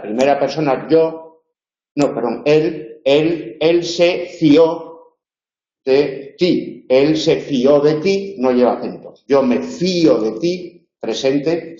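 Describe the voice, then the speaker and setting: Slow, deliberate male tutor. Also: mid-range voice, warm tone. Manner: slow, deliberate spelling drills with questioning "¿eh?". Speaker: university tutor. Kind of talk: recorded tutorial lecture. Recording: roomy, dull lecture recording.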